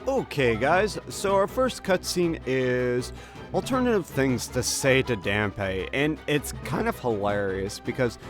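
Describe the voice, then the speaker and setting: Over music, a gaming video host walks through a game in an animated, unhurried, mid-range voice. His commentary is casual and jokey, full of asides, and he slips into mock dialogue.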